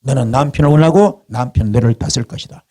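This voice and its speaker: A husky-voiced man preaches a fervent sermon, neither high nor low in pitch. He hammers phrases again and again in chant-like runs and climbs to sharp, emphatic peaks. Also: quick pace. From South Korea. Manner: fervent, repeats chant-like calls, rises to sharp climaxes. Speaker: pastor. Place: prayer house.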